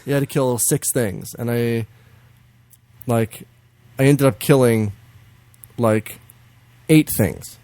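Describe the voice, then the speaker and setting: A man co-hosting a podcast in casual chat, swearing freely, laughing often and jumping into high silly voices to mimic games. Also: slow pace, long pauses, dark tone. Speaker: podcast co-host.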